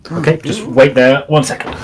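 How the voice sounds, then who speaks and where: A man's voice: a little high, steady tone, moderate pace, crowd noise. A man narrating a tabletop game as game master, talking players through their actions.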